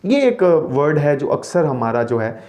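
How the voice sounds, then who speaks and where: A man's voice: medium pitch, big pitch swings, measured pace, darkish tone. A man who teaches English pronunciation, patiently repeating each word and checking in with his viewers. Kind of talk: slide-based language lesson.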